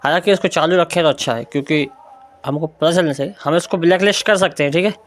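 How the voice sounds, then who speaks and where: A man's voice: fairly high pitch, fast talker. A man giving an informal spoken tech tutorial, explaining step by step and often checking in with the listener. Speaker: tutorial presenter.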